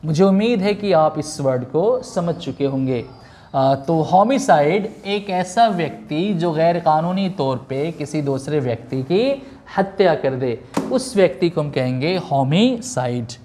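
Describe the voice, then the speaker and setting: A man teaching an English vocabulary lesson, explaining each word slowly and repeating key terms, pausing often with "aa". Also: on the high side, animated, mellow. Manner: slow, repetitive explaining with filler "aa" pauses.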